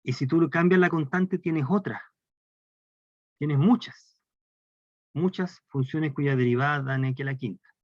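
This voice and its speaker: Chilean guy teaching calculus, kinda high voice, walks thru each step, dull lo-fi sound. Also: unhurried, long pauses, a little mellow, no room sound. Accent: Chilean Spanish. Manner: explains step by step, asks rhetorical questions. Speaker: math lecturer. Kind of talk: recorded calculus lecture. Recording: dry, dull lo-fi lecture recording.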